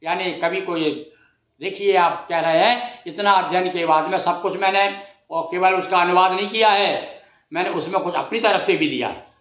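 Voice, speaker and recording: A man giving a devotional discourse, explaining verses in plain, conversational words and chanting lines slowly. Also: high voice, a bit bright, echoey room. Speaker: Ramayana storyteller.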